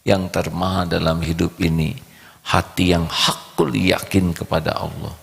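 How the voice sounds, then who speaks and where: Male preacher, slow and gravelly, storytelling sermon, long hall reverb. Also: low-pitched, little pitch movement. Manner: slow, warm storytelling with acted voices.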